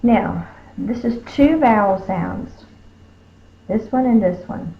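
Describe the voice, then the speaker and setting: Slow, careful woman teaching phonics. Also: mid-range voice, animated, creaky, slight background noise. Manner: slow, careful, sounding out each letter. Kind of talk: phonics spelling lesson. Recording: tinny phone-like lo-fi recording.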